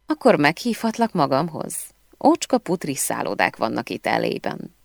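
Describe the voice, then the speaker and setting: A woman's voice: low voice, sing-song, creaky, dry recording, clean studio sound, exaggerated voice. A woman reading the lines of a flirtatious, protective male private detective in an audiobook. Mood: fond.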